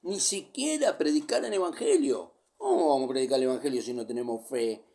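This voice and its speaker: Male preacher, lively rising and falling pitch, dramatic drops to near whispers, explains scripture verse by verse. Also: fairly quick. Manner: expressive, swings from loud calls to near whispers. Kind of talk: sermon.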